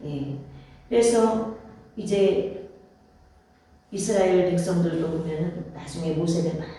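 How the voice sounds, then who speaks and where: 울림 큰 예배당의 온화한 여성 설교자. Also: female voice, fairly low pitch, measured pace, warm tone, far from the mic, slight background noise. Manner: repeats phrases and asks the congregation for amens; rhetorical questions to the listeners. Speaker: pastor. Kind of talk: sermon. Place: church sanctuary. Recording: very echoey church hall, voice from off-mic.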